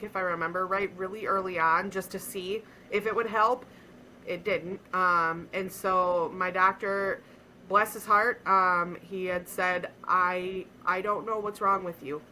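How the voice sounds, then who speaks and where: A young adult woman on a podcast, earnestly telling a personal story in a casual, animated way with frequent fillers. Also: lowish voice, slight background noise, poor audio. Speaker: podcast co-host.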